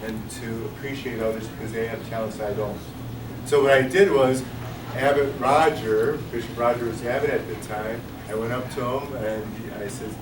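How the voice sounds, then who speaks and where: A man's voice: mid-range voice, fairly even intonation, moderate pace. 60s guy, priest, rambly self-deprecating talk, sounds far off in a big echoey room w lots of background noise. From United States. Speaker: priest and monk speaking at a luncheon. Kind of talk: informal talk to an audience. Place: luncheon hall. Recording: roomy, distant, with loud room ambience.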